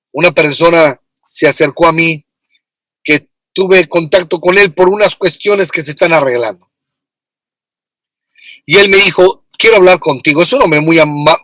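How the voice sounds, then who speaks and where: A man's voice: high voice, pushed and bright, no echo. A man from Mexico with a Mexican accent, preaching a sermon as pastor, with emphatic repetition. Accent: Mexican Spanish.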